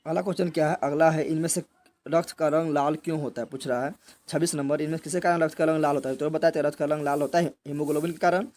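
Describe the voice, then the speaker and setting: A man's voice: on the high side, fairly even intonation, fast talker, a little mellow. Man teaching, asking and answering himself. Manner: repeats each point as a question, then answers it. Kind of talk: exam prep lesson.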